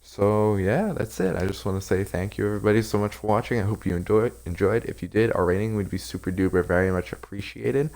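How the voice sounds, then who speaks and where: A man with a low, deep voice recaps anime episodes casually. He rambles, circles back and restarts his sentences often. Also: steady tone, fast, hardly any pauses, darkish tone. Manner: rambling, with many fillers and restarts. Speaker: anime reviewer.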